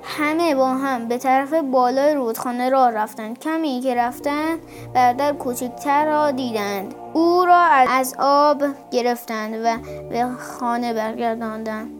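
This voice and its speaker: A woman narrating a folk tale in a clear, measured storytelling manner. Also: sits high, faint music behind.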